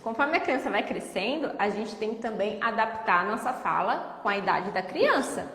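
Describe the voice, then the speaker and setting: Woman, Brazilian accent, speech therapist, animated explainer, echoey room. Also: medium pitch, moderate pace. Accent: Brazilian Portuguese. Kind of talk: explaining in casual conversation.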